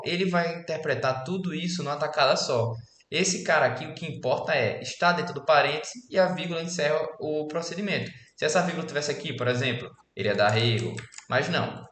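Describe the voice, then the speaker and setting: A man in his twenties from Alagoas, Brazil, casually explaining code in a screen-recorded programming lesson and checking in often with his students. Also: on the high side. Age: 20s. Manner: casual, relaxed explaining with frequent "beleza?" check-ins. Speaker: programming instructor. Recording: echoey room with faint keyboard typing.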